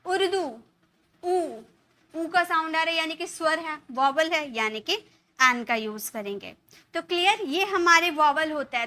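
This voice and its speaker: A woman teaching spoken English in Hindi, walking through each example step by step. She poses a question and answers it herself. Her voice sits high and sounds bright.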